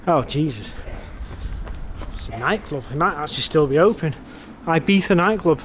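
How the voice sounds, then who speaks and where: An English man keeps up a blunt, wry, sweary commentary in a casual walking vlog, moving from nighttime town streets into a pub. His slightly high voice is animated and fairly bright, at a moderate pace, with slight background noise.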